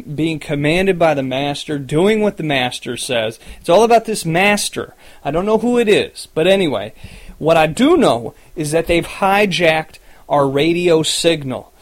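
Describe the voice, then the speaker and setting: Frazzled post-apocalyptic radio host, played by a man, rambling and flustered, a bit high-voiced. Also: natural voice. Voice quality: rambling, flustered, stumbling over words. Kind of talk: comedic audio drama.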